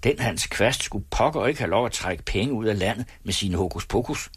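A disapproving old townsman grumbles in a storybook reading, voiced by a male narrator. The voice is low and husky, heard dry and close. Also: animated, dry recording. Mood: grumbling.

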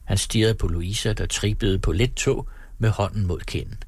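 Low-voiced man reading a story. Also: husky, no room sound. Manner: steady, measured storytelling. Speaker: narrator.

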